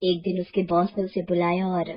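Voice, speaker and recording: A woman narrating a bedtime moral story in a steady, scripted way. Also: on the low side, moderate pace, slightly rough, lo-fi sound. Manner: steady, explanatory.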